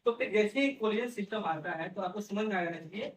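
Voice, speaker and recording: The teacher talks fast in a high voice, laying out his lesson step by step and regularly checking with his students through "theek hai" and "hai na." Because he has no microphone and is far from the recorder, the classroom audio is distant and echoey.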